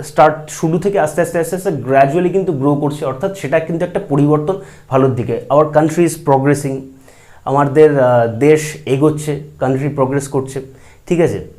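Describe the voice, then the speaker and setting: A man teaching English grammar in a video lesson. He uses many fillers and slows down to say each English example sentence with care. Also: a little high, mellow. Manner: speaks slowly and carefully when giving English example sentences, with many fillers.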